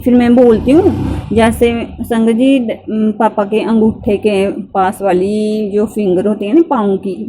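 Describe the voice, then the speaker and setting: Warm-voiced woman giving earnest testimony. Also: mid-range voice. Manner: earnest storytelling, often addressing listeners directly; repetitive and halting, with frequent restarts. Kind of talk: devotional testimony to a congregation.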